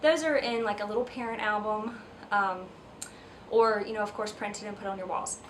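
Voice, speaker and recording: In a casual home vlog, a woman who photographs weddings presents an album, a little out of breath and chatting with plenty of ums and false starts. She speaks at normal speed in a steady, medium-pitched voice. Kids scream upstairs, and the slightly distant mic catches faint household noise.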